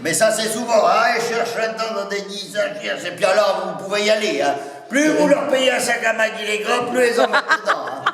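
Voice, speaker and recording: A man's voice: high voice, brisk, few pauses, a bit bright. A man with a Norman accent doing a folksy, teasing stand-up monologue before a live audience, full of interjections and rural slang. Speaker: stage comedian. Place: large indoor hall with a live audience. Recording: echoey hall, recorded from far off.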